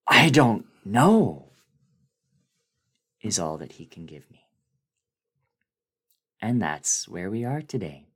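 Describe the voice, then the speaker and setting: A deep-voiced man gives a dramatic reading of a horror story, his pace slow and deliberate, his mood brooding. His pitch swings widely as the emphasis builds, with lively intonation and a somewhat dark tone.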